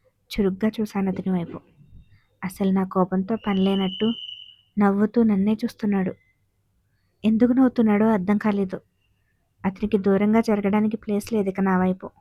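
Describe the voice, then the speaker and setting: A woman narrating a story in the first person with a calm, even delivery. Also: mid-range voice, no echo, lo-fi sound.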